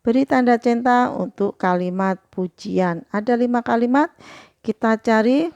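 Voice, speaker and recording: A woman's voice: on the high side, unhurried, a little mellow, no room sound, muffled recording. Patient woman teacher, lilt. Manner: patient, explains step by step with frequent "nah". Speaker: primary school teacher. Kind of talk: recorded lesson walkthrough.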